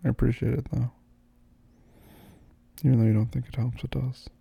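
A man in a soft-spoken ASMR boyfriend roleplay, groggy as if just woken up, murmuring and often slipping into whispers. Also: medium pitch, little pitch movement, normal speed, vocal fry, husky, no room sound, lo-fi sound.

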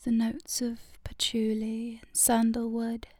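A woman whispering a soft, affectionate, sleepy ASMR girlfriend roleplay into a close microphone. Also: a little high, monotone, no echo. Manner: slow and soothing, sleepy.

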